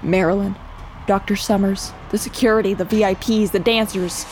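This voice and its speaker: A woman's voice: medium pitch, normal speed, slight background noise, lightly acted. An actress playing a determined young woman who narrates her own ordeal in an audio drama and speaks with urgency in her scenes. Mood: calm narration. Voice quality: steady, earnest narration that turns urgent in dialogue. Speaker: first-person narrator and lead character.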